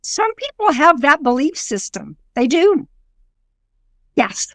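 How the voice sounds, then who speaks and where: A woman's voice: high voice, sing-song, slow, no room sound. A middle-aged woman, a psychic medium, talking earnestly and reflectively as an interview guest, with many fillers and restarts. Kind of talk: conversational interview.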